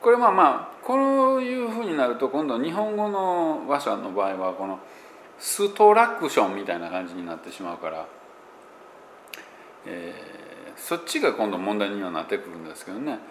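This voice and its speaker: A man's voice: medium pitch, very animated, moderate pace. A man with a Kansai Japanese accent, teaching English pronunciation in a casual spoken explanation and working through examples with many fillers. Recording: echoey room with faint background noise.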